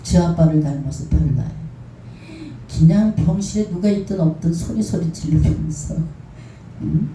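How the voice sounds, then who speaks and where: A woman's voice: low voice, normal speed, mellow. An older woman pastor giving a testimony sermon, telling her story emphatically and checking in with listeners again and again. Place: prayer house worship hall. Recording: roomy hall, distant mic, faint hiss.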